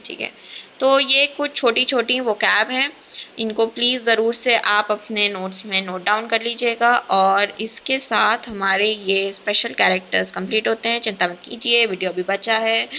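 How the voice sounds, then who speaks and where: A woman's voice: medium pitch, slight background noise. A woman teaching a beginners' language lesson in casual Hinglish, patient and repeating herself often to check understanding. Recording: slightly dull lo-fi audio.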